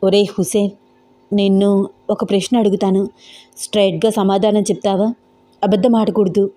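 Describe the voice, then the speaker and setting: A woman's voice: mid-range voice, level tone, normal speed, mellow, close to an everyday voice. A woman voicing an anxious young husband who keeps questioning himself, in a storybook reading. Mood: awkward.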